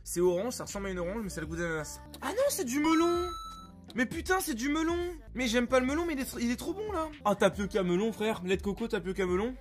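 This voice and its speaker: Hyper streamer guy, high voice swinging up and down, swears and shouts a lot. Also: fast, soft background music. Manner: excitable, swears and shouts often. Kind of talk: live gameplay commentary.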